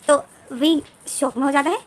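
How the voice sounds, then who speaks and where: A woman's voice: high voice, fairly even intonation, moderate pace, poor audio. A woman casually retelling a romance story scene by scene, with loose, repetitive phrasing and frequent restarts.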